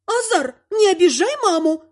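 A woman doing a high, flustered mother. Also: sing-song, measured pace, heavily acted. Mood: exclaiming. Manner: exclaiming, pleading. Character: flustered peacemaking mother, a doctor.

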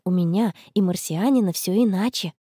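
Storybook teen girl, dreamy and stubborn, read by a woman; soft, dry, close delivery. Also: medium pitch, moderate pace, husky, no room sound, close to an everyday voice. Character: dreamy stubborn schoolgirl in love, teenage.

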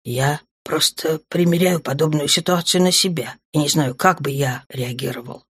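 A woman voicing a tender, possessive dark lord, an adult man, speaking in a low, soft murmur in an audiobook. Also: moderate pace, breathy edge, no room sound. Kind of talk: audiobook character voice.

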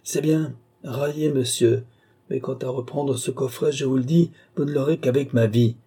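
A man's voice: medium pitch, moderate pace, breathy edge, voice pushed up. Man voicing an indignant police chief. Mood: defiant. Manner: indignant, defiant, loud. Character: proud, stubborn older male police chief.

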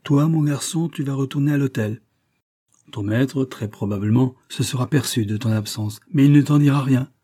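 A man's voice: mid-range voice, moderate pace, warm tone, voice pushed up, close to an everyday voice. A man voicing a stout, commanding older detective who speaks curtly and with full confidence. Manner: curt, sure of himself, peremptory.

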